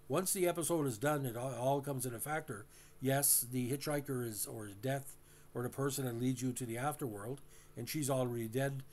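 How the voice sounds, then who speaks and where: A man hosting a show, recapping and discussing a classic television episode in a casual, halting way with many fillers, sometimes speaking to the listeners directly. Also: mid-range voice. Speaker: host.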